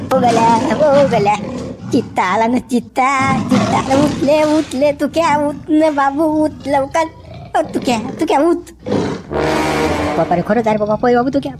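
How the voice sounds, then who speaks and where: A man's voice: very high voice, background noise. A man with a Varhadi Marathi accent playing a quarrelsome village farmhand in a comedy sketch, talking in rustic banter. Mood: panicked. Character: bickering sleepy village farmhand, male. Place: outdoors in a village field.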